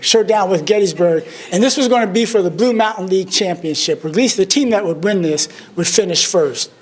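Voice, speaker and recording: An older man speaks at a memorial in a notably high voice for a man. He tells his stories with dry, self-deprecating humor, in the manner of a tribute speech. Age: 60s. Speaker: alumnus speaker at a memorial service.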